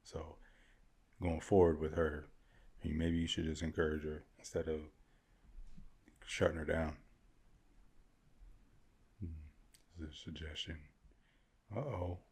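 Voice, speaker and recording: Male host, very low gravelly voice, loose unscripted commentary. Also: steady tone, measured pace, pauses often, a little mellow. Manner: thinks aloud, rambling with restarts. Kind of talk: casual commentary on reader posts.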